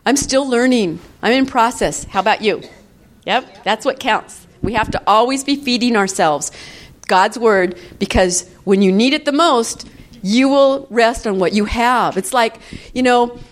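A woman in her late fifties shares a personal testimony at church. Her voice sits a little high, and she tells her story in a chatty, animated way, often laughing as she goes. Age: 50s. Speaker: church member giving a testimony.

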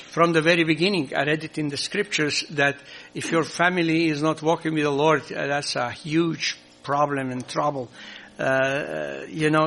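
Answering audience questions as a missionary pastor, an older Croatian man speaks English with his native accent, earnest, hesitant and full of fillers. The voice is fairly high and gravelly, pushed and bright.

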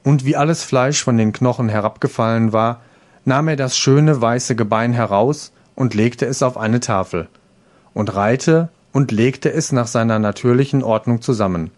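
A man reading a classic fairy tale aloud in a steady, even storytelling manner. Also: medium pitch, normal speed. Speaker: reader.

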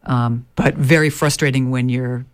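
The speaker is a woman, a midwife and author, whose voice is extremely low, resonant and clear, with fairly even intonation and a moderate pace. A native English speaker, she sounds reflective and hesitant in this interview, restarting sentences often and using many fillers.

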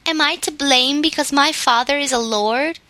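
A woman's voice: high voice, moderate pace, sharp tone, no echo, pitched above the performer's own voice. A woman voicing a pleading, earnest little girl in a storybook reading.

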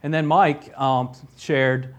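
A pastor speaks slowly in a steady, medium-pitched voice while preaching a sermon. He reads scripture aloud and presses each point with mounting emphasis, raising his volume on key phrases and adding casual asides.

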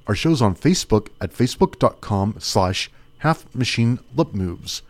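A man's voice: medium pitch, animated, measured pace. A man hosting a small radio music show, chatting casually and rambling as he thinks aloud. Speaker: radio host.

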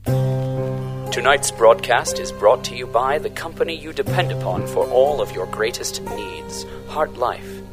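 A man's voice: a little slow, over loud music, close to an everyday voice. A man playing a slick old-radio sponsor announcer. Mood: salesy. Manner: slick sponsor-pitch delivery. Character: smooth male corporate radio announcer.

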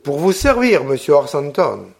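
A man voicing a young peasant girl in an audiobook reading, with an eager, breathless, high-pitched child voice. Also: big pitch swings, normal speed, vocal fry. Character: young peasant girl, timid but loyal.

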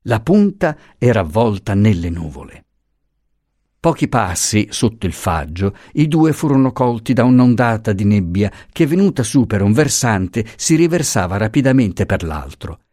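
An audiobook narrator reads a novel from a script in a low, expressive male voice at a moderate pace. The recording is dry and studio quality.

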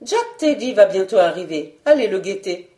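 A woman's voice: mid-range voice, big pitch swings, moderate pace, dark tone, roomy sound, close to an everyday voice. A woman voicing an elegant, scheming female villain in a storybook reading, speaking in a dry, implacable, ironic way. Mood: icy.

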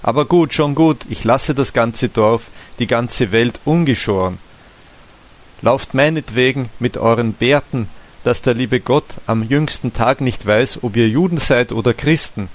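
A man voicing a drunk, ranting village barber who shouts and wails in falsetto in a storybook reading. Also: unhurried, natural voice.

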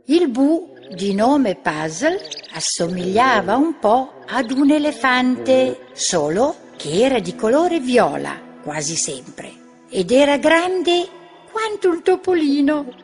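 A woman narrates a children's storybook at a slow, careful pace. Her fairly high voice rises and falls in a lively, expressive way. Clear music plays under the reading. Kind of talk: children's story read-aloud.

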